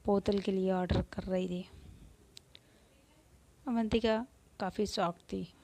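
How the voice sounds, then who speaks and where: Woman with a gravelly story-telling voice. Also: mid-range voice, steady tone, slow, warm tone, slight background noise. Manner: mixes English words into her narration. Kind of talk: casual story narration.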